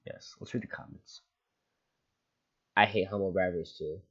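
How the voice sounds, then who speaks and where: A man with a fairly low voice reads online posts aloud for his channel. He stops now and then for dry, sarcastic asides. The recording sounds dull and lo-fi. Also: fairly even intonation, normal speed, breathy edge. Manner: sarcastic asides between readings. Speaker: channel host.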